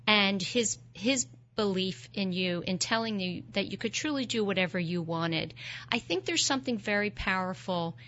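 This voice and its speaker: A woman hosts a podcast interview with a bright, forceful voice at a middling pitch. She asks encouraging, thoughtful questions, and the sound is slightly dull and lo-fi. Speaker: podcast host.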